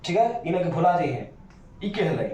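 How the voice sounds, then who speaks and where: A man's voice: fairly high pitch, sing-song, moderate pace, muffled recording, background noise. A male teacher giving a grammar lesson, stretching vowel sounds out to demonstrate them and coaxing his students with questions. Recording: very echoey room.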